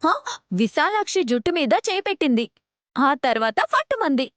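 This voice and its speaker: An actress playing a sharp-tongued young woman in a TV serial, speaking with pointed sarcasm. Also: high-pitched, very animated, moderate pace. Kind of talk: TV serial dialogue. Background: background score.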